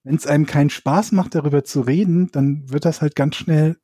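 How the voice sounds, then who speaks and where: A man's voice: a little high, fairly even intonation, normal speed, mellow, no room sound, clean studio sound. A man co-hosting a podcast in casual chat, opinionated, sometimes stumbling over words. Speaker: podcast co-host.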